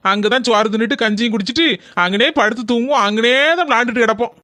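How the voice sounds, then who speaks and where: A man voicing a fussy young man who complains on the phone with a Kanyakumari Tamil accent, whiny and rapid. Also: extremely high pitch, steady tone, sharp tone, no echo, studio quality. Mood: complaining. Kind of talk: cartoon voice acting.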